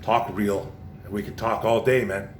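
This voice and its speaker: A man's voice: fairly even intonation, moderate pace. A man giving a passionate, repetitive casual sports rant as a vlogger, often tossing in "man". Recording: roomy echo, faint low rumble.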